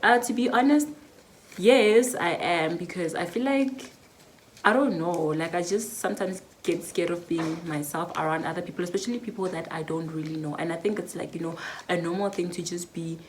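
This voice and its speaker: On a low-quality recording with a little hiss or hum, a young woman with a low-leaning voice speaks at normal speed. She is a nineteen-year-old South African YouTuber, reflecting casually and full of fillers while answering questions in a vlog.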